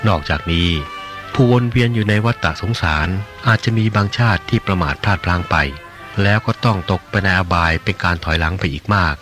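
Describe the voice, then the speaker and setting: A man voicing a calm, gentle monk in an audiobook reading of a religious novel, teaching in a measured, gently admonishing way. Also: sits low, music in the background, close to an everyday voice.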